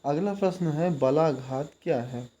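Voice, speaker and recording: Male tutor, unhurried and soft-toned, keeps checking if you follow. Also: fairly high pitch, muffled recording. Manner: explains step by step, checks in with "ठीक?" often. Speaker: teacher. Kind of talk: exam-prep lecture.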